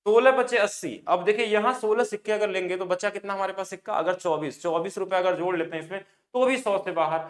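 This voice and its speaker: A male maths teacher with a fairly high voice runs through an exam problem at a rapid clip. He explains briskly and keeps urging his students to look closely at each step. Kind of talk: exam-prep maths lesson.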